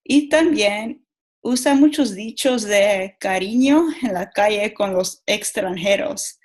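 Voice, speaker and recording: A young woman talks through a class presentation at a slow, unhurried pace, stopping and restarting her words often. Her pitch sits in a middle range. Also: darkish tone, rough recording. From Mexico. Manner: halting, many restarts and repeated words. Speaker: student giving a class presentation. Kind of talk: school presentation.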